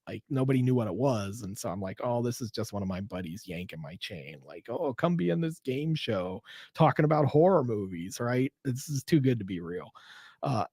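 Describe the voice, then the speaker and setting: A man's voice: medium pitch, darkish tone, husky, no room sound, studio quality. A man of fifty hosting a casual livestream, rambling and self-deprecating, restarting his sentences often. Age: 50s. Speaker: livestream host.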